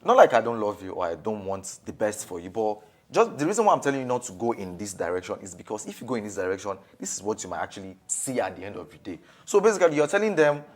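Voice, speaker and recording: A man hosts a television panel. His deep voice moves hesitantly, with many fillers and restarts as he searches for words. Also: very animated, fast talker. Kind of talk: studio discussion.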